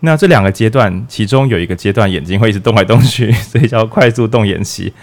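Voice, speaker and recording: Male podcast host, slightly low voice, playful and chatty explainer. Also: fast. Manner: playful, with jokes and acted-out asides. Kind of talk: casual explanatory podcast talk.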